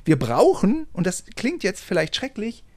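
A man hosting a casual podcast, his voice sitting a little high and swinging widely in pitch. He talks animated and self-mocking, dropping the odd swear. The sound is dry and close to the mic. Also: moderate pace, no echo. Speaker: podcast host.

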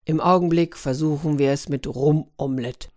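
A woman's voice: low-pitched, fairly even intonation, moderate pace, darkish tone, natural voice. A woman voicing a grumpy, sarcastic man trapped in a turtle's body, in a storybook reading. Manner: irritable, sarcastic.

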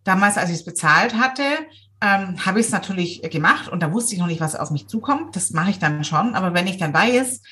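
A middle-aged woman from Swabia with a Swabian German accent, chatting casually, lively and self-mocking, laughing often. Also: lowish voice, moderate pace. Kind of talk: casual chat.

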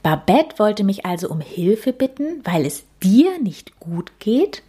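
A woman's voice: medium pitch, sing-song, takes it slowly, mellow, breathy edge, voice pushed up, exaggerated voice. A woman voicing a helpful, plain-spoken heroine. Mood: surprised. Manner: surprised, eager questioning. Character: helpful, down-to-earth young woman. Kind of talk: storybook reading.

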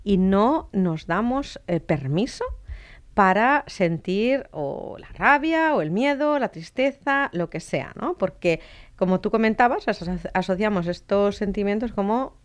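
A woman's voice: mid-range voice, animated, a little slow. A middle-aged woman talking casually and reflectively about emotions, musing as she goes. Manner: reflective, many fillers and restarts.

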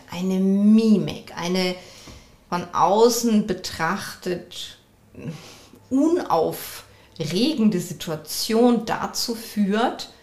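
Slow, measured woman podcast host. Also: lowish voice, echoey room. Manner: measured and reflective, with frequent affirming "ja". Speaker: coach and couples therapist, podcast host. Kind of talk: calm solo podcast talk.

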